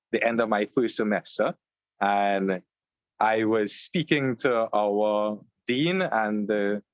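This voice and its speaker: A young man from Trinidad and Tobago with a Trinidadian accent, a guest on an interview podcast, telling his story in a relaxed way, joining over a video call. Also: medium pitch, no room sound. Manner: relaxed storyteller, fillers, "long story short". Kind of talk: conversational interview. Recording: slightly dull, dry call audio.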